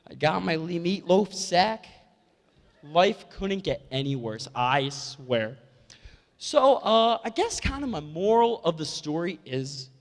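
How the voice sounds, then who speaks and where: A young man doing a stand-up comedy set, telling a story with animated energy and acting out the other people in it. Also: sits high. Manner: animated storytelling, acts out voices. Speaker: stand-up comic. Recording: reverberant hall.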